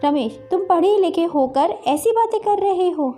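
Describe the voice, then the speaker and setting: A woman plays a gentle young pregnant wife from a storybook who pleads and reasons. Her voice is high and mellow, with soft music beneath. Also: expressive, moderate pace. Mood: pleading. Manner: pleading, tearful.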